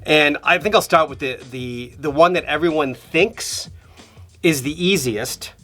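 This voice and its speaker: Podcast host guy, nasal from a cold, bright voice, chatty explainer tone. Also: a little high, measured pace, soft background music. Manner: conversational, checks in with listeners. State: stuffed up from a cold. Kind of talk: explaining business tips to camera.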